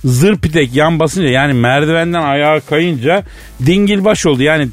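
A man from Elazığ telling a comic story as a radio co-host, chatty and lively. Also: a little high, normal speed, dry recording, soft background music. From Elazığ, Turkey. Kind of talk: comic radio banter with a fake phone call.

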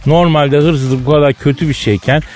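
A man's voice: fairly high pitch, steady tone, normal speed, a little mellow, faint music behind. A man hosting a radio show with casual, slangy, mock-indignant comedic banter.

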